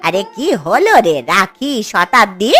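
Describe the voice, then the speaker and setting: A woman's voice: medium pitch, very animated, a little slow, a bit bright, faint music behind. A woman doing a scolding old grandmother. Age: older. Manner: scolding, grumbling, weary. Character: stern fretting old grandmother. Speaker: voice actor. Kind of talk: cartoon voice acting.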